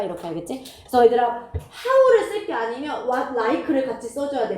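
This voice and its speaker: A woman teaching an English class, who reads English lines slowly, then explains them quickly and keeps checking in with her students. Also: high voice, dark tone, roomy sound. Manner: checks in often with rhetorical tag questions. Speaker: high school English teacher. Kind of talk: classroom lecture.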